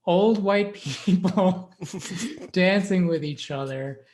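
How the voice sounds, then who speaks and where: A man co-hosting a podcast, chatting casually with frequent laughs and halting restarts. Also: sits high, darkish tone. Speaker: podcast co-host. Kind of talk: casual chat.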